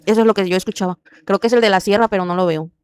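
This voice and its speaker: A woman's voice: medium pitch, fairly even intonation, rapid-fire, clear, resonant tone, no echo. A woman giving casual gameplay commentary, chatty and often murmuring to herself. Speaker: gaming video creator.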